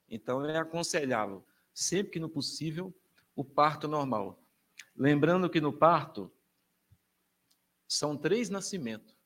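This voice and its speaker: Brazilian priest giving a talk, kinda high voice, punchy and chatty, big swings up and down. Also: male voice. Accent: Brazilian Portuguese. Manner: emphatic, colloquial, with wide swings in pitch and loudness. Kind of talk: lecture to families.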